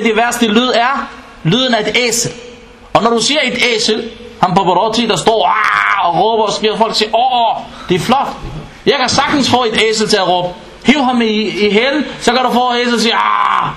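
An Islamic preacher with a high, slightly bright voice gives a religious lecture in an echoey room, explaining in Danish, quoting Arabic scripture quickly and asking listeners questions.

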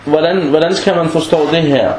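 A man's voice: a little high, fairly even intonation, darkish tone. A man teaching a class on Islamic legal maxims, often asking the students questions and acting out short example dialogues. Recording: echoey room with faint background noise.

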